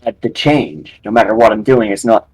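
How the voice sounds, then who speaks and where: A man's voice: lowish voice, animated, normal speed, husky, no room sound, poor audio. A man playing a tabletop game over a laggy online group voice chat that keeps cutting out, flustered and troubleshooting aloud.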